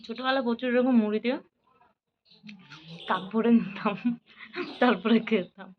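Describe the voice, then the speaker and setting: A woman vlogging casually around her home and garden, talking softly and unhurriedly to her viewers. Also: muffled recording, slight background noise. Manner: soft, unhurried narration, louder and higher when coaxing a child.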